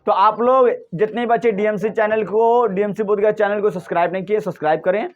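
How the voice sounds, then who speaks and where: A man's voice: high-pitched, fairly even intonation, fairly quick, highs cut off. A male teacher giving a classroom lesson, drilling his students with repeated questions and answering them himself.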